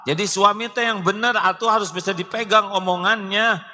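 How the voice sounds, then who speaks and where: A man's voice: sits high, steady tone, fairly quick, sharp tone, big-room sound, slight background noise, pitched above the performer's own voice. A preacher voicing a nagging wife who scolds her husband in a demanding, exasperated way.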